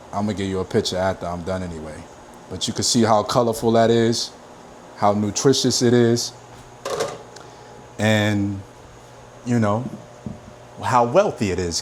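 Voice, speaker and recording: A man casually talking through cooking his dinner in a home kitchen, laid-back and chatty with drawn-out emphatic phrases. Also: medium pitch, slight background noise. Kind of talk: casual cooking vlog chat. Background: frying and stirring sounds.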